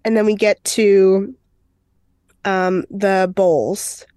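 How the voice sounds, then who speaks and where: A woman's voice: medium pitch, steady tone, very slow, mellow, dry recording. Brief: woman podcast host, chatty recap, filler-heavy, close dry mic. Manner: chatty, many fillers, acts out quotes. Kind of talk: casual chat recapping a film.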